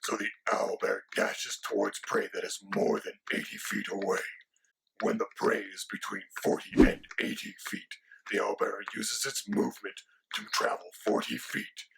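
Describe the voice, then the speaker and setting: A man voicing a menacing, haughty male dragon who co-hosts the show, speaking in a gravelly, rasping half-whisper with a sinister, theatrical manner. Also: fairly low pitch, fairly bright tone, slight background noise, low-quality recording. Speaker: co-host.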